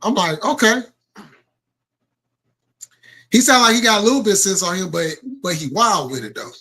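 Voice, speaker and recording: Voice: medium pitch, very animated, fast, fairly bright tone, slightly rough. A live stream host chatting casually with viewers in informal, slangy speech peppered with swearing.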